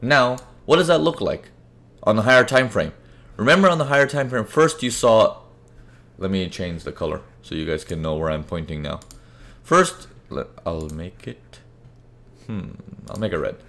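A man's voice: on the low side, animated, normal speed, a bit bright. A man presenting a live trading webinar, explaining charts conversationally and often checking in with his audience. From Indian parents, raised in several countries. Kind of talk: live webinar teaching with chat questions.

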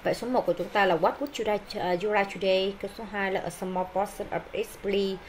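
A woman teacher explaining English textbook exercises with many hesitations and pauses. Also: mid-range voice, steady tone, a little hiss or hum, rough recording.

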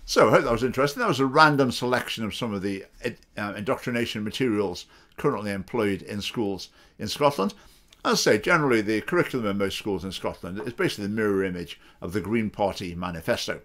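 A political party spokesman from England, in his fifties, talks fast with a lowish, fairly bright voice. Addressing his webcam from his home study in video-call framing, he offers sarcastic, opinionated commentary and mocks the people he quotes.

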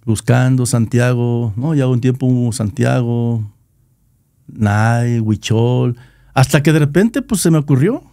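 A middle-aged man with a Nayarit Mexican Spanish accent recalls how he founded his band, talking in a loose, slangy way. He repeats and restarts words as he goes. His voice is mellow and warm, and the recording is dry and close. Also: mid-range voice, unhurried, vocal fry, no room sound. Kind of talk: casual storytelling interview.

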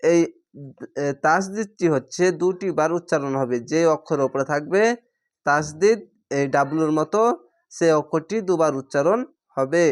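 A man's voice: a little high, moderate pace, long pauses. Patient man spelling out Quran syllables. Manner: patient, spells syllables letter by letter and repeats rules. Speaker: Quran reading teacher. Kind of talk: slow spelled-out recitation lesson.

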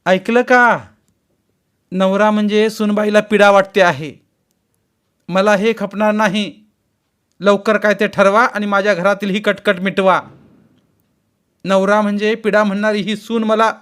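A man voicing an angry, nagging older mother-in-law in a storybook reading, raising his voice high and loud. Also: fairly even intonation, a little slow, long pauses, clean tone. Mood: commanding.

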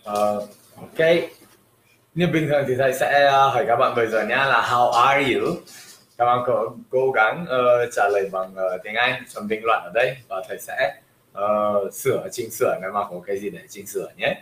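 A man teaching a livestream lesson, talking slowly and hesitantly with many fillers, switching between Vietnamese and English. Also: fairly low pitch, a bit bright. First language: French. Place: livestream room. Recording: roomy livestream sound.

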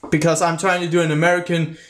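A man giving a casual spoken review of a video, halting and often restarting his sentences, with a voice that mixes American and British sounds. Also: a little high, level tone, a bit bright.

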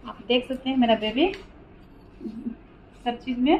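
A woman with a fairly high voice walks through a hands-on medical demonstration, explaining each step plainly and patiently. The audio is slightly dull and lo-fi, with a faint hiss behind her. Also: unhurried, echoey room.

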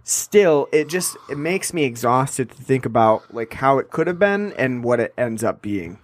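Expressive and medium in pitch, this male podcast co-host chats loosely and sarcastically about a movie. He rambles, leans on fillers, and tosses in fast mock voices.

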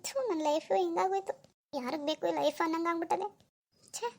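A woman voicing an unhappy young village woman in a cartoon, speaking in a very high, thin voice. She mutters softly and gloomily to herself. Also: fairly even intonation, fast, vocal fry. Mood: sulky. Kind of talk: cartoon voice acting.

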